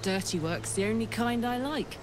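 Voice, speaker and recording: A woman's voice: a little high, lively intonation, moderate pace, lightly acted. An actress voicing a brash, hot-tempered female tiefling soldier in a video game, blunt and cocky. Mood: brash, confiding. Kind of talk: video game character dialogue.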